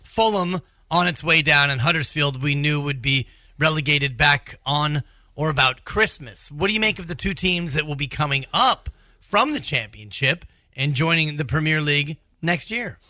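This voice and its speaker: A man with a very bright, punchy voice, pitched a bit high, hosts sports talk. He delivers recaps and questions, recorded dry and close. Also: animated, normal speed, no echo. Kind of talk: presenting recaps and asking questions.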